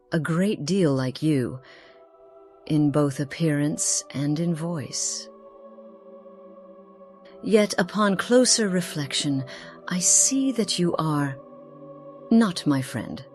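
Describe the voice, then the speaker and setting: In scripted game dialogue, a woman voices an ageless fantasy noblewoman with a low, darkish voice, speaking very slowly and deliberately. She sounds formal and secretive, wistful yet sly, with theatrical pauses, while faint music plays behind her.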